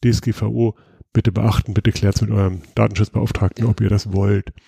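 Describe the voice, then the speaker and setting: A man hosting a casual podcast, talking through topics at an easy, explanatory pace. His voice is mellow and warm, recorded close and dry with no room sound. He often hesitates and restarts mid-sentence. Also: on the low side, brisk, gravelly, husky, no room sound. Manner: relaxed, explanatory, many filler sounds and restarts. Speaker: podcast host.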